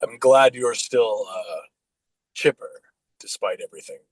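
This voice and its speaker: Man voicing a grizzled old orc for a tabletop game, low, hushed and weary, dry close sound. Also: no room sound, poor audio. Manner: weary, quiet and slow.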